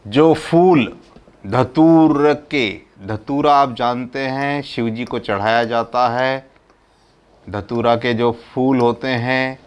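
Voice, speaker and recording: A man slowly explaining the words of a devotional hymn, reciting verses and then patiently repeating what each word means. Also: mid-range voice, fairly even intonation, clean tone, lo-fi sound. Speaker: religious teacher explaining a hymn.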